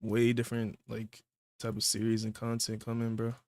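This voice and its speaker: Casual male streamer, easygoing slang, medium pitch, dry recording. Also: monotone, moderate pace, a little mellow, no echo. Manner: laid-back slang, eating while talking. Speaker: livestream guest. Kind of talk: casual livestream chat.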